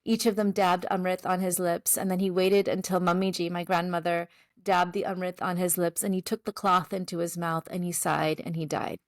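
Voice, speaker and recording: A woman guest in an interview, telling a family story in a gentle, heartfelt way with soft laughs. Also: lowish voice, little pitch movement, moderate pace, dry recording, rough recording.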